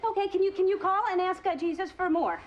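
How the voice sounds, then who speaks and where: An actress playing a quick, practical woman who takes charge of planning a baby. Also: very high voice, dull audio, slight background noise. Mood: giddy. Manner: brisk, bossy, laughing on the phone.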